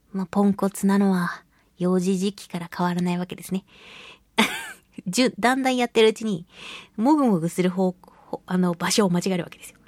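With a medium-pitched, darkish voice and no room sound at all, a voice actress chats alone on her radio show about her own life. The anecdotes come out giggly and self-deprecating, and she acts out the little remarks she quotes.

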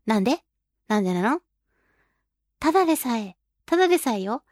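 A woman's voice: a little high, very animated, a little fast, darkish tone, dry recording, clean studio sound. A woman hosting a casual radio show who chats playfully, laughs often and acts out the voices she quotes. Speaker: radio show host and children's singer. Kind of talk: casual radio chat reading listener mail themes.

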